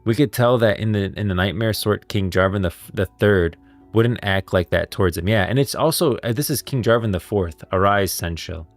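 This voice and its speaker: A livestream host with a lowish voice offers casual lore commentary at a moderate pace, rambling emphatically and going over his points again. Background music plays behind him, and the recording has no room sound.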